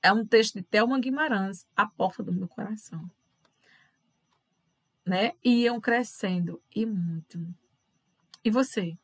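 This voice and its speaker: A woman's voice: medium pitch, unhurried, long pauses, slightly rough, no echo. A woman with a Brazilian Portuguese accent, teaching a recorded lesson to children. She walks through worksheet questions patiently and keeps checking in with the pupils. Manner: patient, addresses pupils directly with tag questions.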